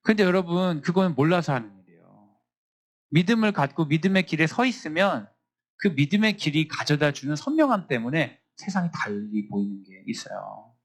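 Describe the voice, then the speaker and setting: A man's voice: fairly high pitch, moderate pace. A man, a school chaplain, teaching a Bible class to students, acting out little scenes from the classroom as he speaks. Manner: lively, acts out teacher and student voices in quotes.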